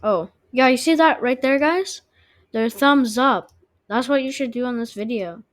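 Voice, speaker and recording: A woman with a fairly high voice gives casual let's-play commentary at an unhurried pace. She talks straight to her viewers as she plays, asking them to subscribe. She records on her own microphone. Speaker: gaming channel host.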